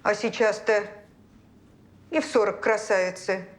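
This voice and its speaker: A woman's voice: medium pitch, steady tone, unhurried, natural voice. An actress playing a plain-spoken, hesitant servant woman in a period detective series. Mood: wary, recollecting. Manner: folksy, hesitant.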